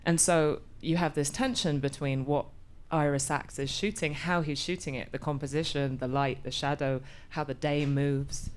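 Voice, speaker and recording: A woman's voice: low-pitched, steady tone, moderate pace, few pauses. A woman in her forties being interviewed about her acting work, thoughtful and often restarting as she searches for words. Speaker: actor, interview guest. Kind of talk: conversational interview.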